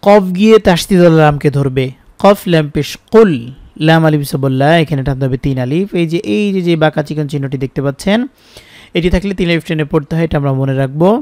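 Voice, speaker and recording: A man with a Bangladeshi Bengali accent teaching Quran reading, spelling each word letter by letter and then chanting the verses slowly. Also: fairly high pitch, a little mellow, no echo. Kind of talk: spelled-out Quran recitation lesson.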